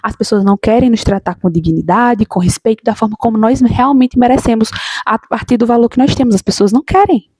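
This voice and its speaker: A woman's voice: on the high side, a little fast, darkish tone, breathy edge, no room sound. A woman, talking casually and emphatically to her viewers in a motivational video. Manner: emphatic, repetitive, addresses viewers directly as "gente". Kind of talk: casual motivational talk to camera.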